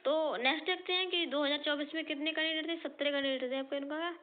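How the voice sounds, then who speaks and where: Woman, teacher, high-pitched, earnest, repeats herself, talks straight to students, lo-fi phone-line sound. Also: steady tone, rapid-fire. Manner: earnest, repeats and rephrases points, speaks directly to students. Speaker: exam coaching teacher. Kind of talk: informal exam-results explainer.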